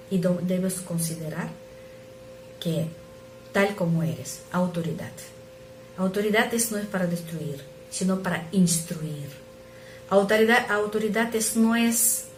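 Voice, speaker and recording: A woman's voice: lowish voice, a little hiss or hum. A woman preacher giving an earnest sermon on parenting, often checking in with rhetorical questions. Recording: roomy echo.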